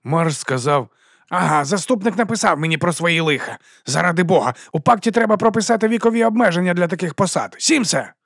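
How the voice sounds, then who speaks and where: A man's voice: on the high side, fast talker, few pauses, dry recording, clean studio sound, pitched above the performer's own voice. A man voicing a furious, bossy middle-aged department head who barks and sneers. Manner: barking, sneering, shouting.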